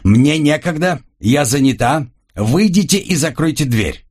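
Man doing a stern female office clerk, raised husky voice, curt and sharp, storybook reading. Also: a little high, lively intonation, measured pace, pitched above the performer's own voice.

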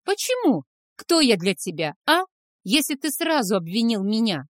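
A bitter, tearful teenage boy hurls accusations at full volume, performed by a woman reading a novel aloud. The voice sits high and loud, raw with resentment. The recording is dry and close. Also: sing-song, normal speed, dry recording. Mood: angry shouting. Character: angry tearful teenage boy, half-blood dragon son.

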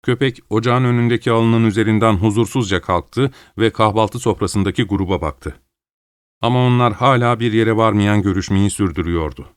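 A man's voice: normal speed, clear, resonant tone, no room sound, clean studio sound. A man reading a novel aloud as narrator, lifting his voice for the dialogue. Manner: raises pitch for dialogue, steady narration between. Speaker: audiobook narrator. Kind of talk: scripted narration of a novel, voicing all characters.

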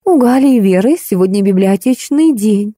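A woman's voice: mid-range voice, expressive, moderate pace, dark tone, no room sound, studio quality, voice pushed up, lightly acted. Woman voicing a plaintive plump office girl. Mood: surprised. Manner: plaintive, grumbling, easily weepy. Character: plump tearful young woman office clerk. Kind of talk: audiobook character voicing.

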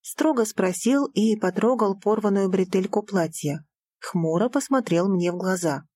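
A woman reading a first-person audiobook aloud, expressive and lifting her voice for the heroine's lines. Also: mid-range voice, a little slow, slightly rough, no echo. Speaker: audiobook narrator.

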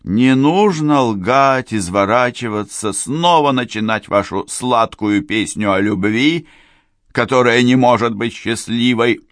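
A man doing a shrill, indignant society lady. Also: a little slow, a bit bright, no echo, studio quality. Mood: cold. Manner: raised, shrill accusing tone. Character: indignant society woman, theatrical, scolding.

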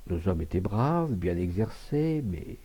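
Male audiobook reader, dramatic and expressive, husky and very dark. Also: deep voice, unhurried. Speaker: audiobook narrator. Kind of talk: literary audiobook reading.

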